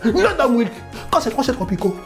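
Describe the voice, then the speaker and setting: A man putting on a furious, high ranting clasher. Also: fast talker, creaky, soft background music. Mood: mock-furious. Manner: exaggerated put-on accent, indignant shouting rant. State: blocked nose from illness.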